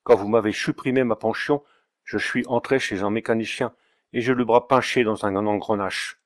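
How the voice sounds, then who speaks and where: A poor one-armed porter from the Auvergne with a thick Auvergne accent, as a man puts him on. His voice is heavy, placid and low, with a slurred, lisping dialect. The take is close and dry, with no room sound. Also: fairly even intonation, normal speed, no room sound, close to an everyday voice. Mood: complaining.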